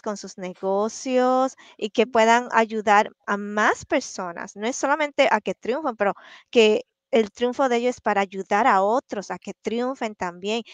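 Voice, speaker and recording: A woman's voice: medium pitch, clean tone, dry recording. A woman in her thirties from the Dominican Republic, a marketing consultant guest speaking earnestly and encouragingly over a headset mic on a video call from home. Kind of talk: casual interview talk. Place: room at home, indoors.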